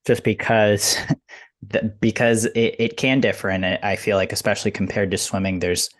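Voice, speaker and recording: A woman's voice: very deep voice, little pitch movement, normal speed. A woman interviewing an athlete, asking loose, self-correcting questions in a casual way.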